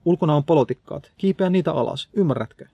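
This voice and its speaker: Storybook: a man doing a gruff house cleaner, blunt and scolding, dark gravelly timbre, dry read. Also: fairly high pitch, animated, no room sound, dull audio, voice pushed up, full character voice. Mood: urgent coaxing. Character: stern, gruff house cleaner with a mop, defiant.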